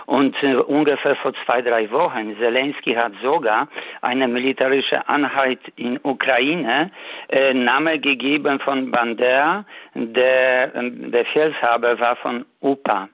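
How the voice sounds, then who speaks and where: A man from Poland with a Polish accent calls into a radio show, speaking halting German with non-native grammar. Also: mid-range voice, steady tone, dry recording. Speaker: caller. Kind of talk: call-in radio comment. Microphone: telephone. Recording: tinny phone line.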